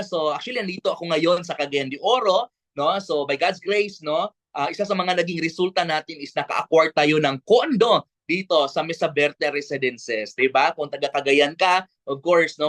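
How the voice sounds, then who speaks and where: A Filipino man giving an energetic online sales presentation, tagging nearly every line with a quick question to the listener. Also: a little high. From Bukidnon, Philippines. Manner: peppers lines with tag questions; energetic, persuasive.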